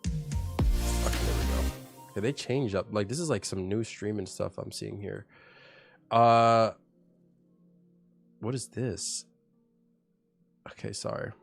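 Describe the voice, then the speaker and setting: A man's voice: on the low side, steady tone, takes it slowly, creaky, long pauses. A man sounds stuffed up and congested as he chats loosely on a live game stream. He restarts his sentences often and thanks viewers by name, with faint music under his voice. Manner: rambling, with many restarts. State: congested from a cold. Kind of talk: casual live-stream chat.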